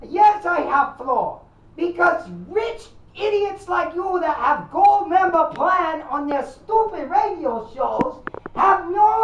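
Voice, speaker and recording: A performer voicing an angry male Italian immigrant caller who stammers and shouts insults, in a put-on Italian accent. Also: extremely high pitch, noisy background, full character voice. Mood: bitter ranting. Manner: sputtering, stammering repeated words, shouting insults. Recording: echoey, distant, dull lo-fi.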